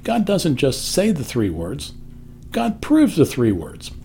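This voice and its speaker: A man's voice: fairly high pitch, wildly swooping pitch, takes it slowly, creaky, a little hiss or hum. An older man, a grandfather, telling a family story and then giving an emphatic devotional message. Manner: emphatic storytelling, softening for quotes. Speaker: devotional speaker.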